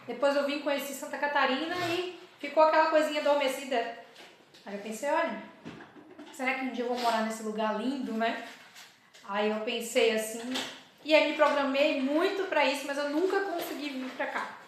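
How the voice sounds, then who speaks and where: A woman from Salvador speaks in a fairly high voice, chatting as a dentist guest in a casual interview. She tells her story and acts out her own past remarks as quotes. The sound is very echoey, as in a large bare room. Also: fairly even intonation, moderate pace, slight background noise. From Salvador, Bahia, Brazil.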